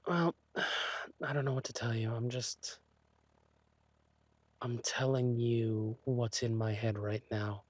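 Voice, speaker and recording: A man playing an insecure, lovesick thief boyfriend in a romantic audio role-play, speaking haltingly and tenderly. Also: mid-range voice, steady tone, no room sound. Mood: insecure, downcast. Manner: hesitant, halting, sighing delivery.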